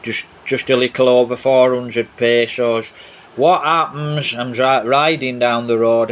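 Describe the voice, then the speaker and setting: A man giving a casual, rambling, repetitive vlog narration over video footage. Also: mid-range voice. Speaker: vlogger. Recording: steady background noise, rain on roof. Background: rain on a roof.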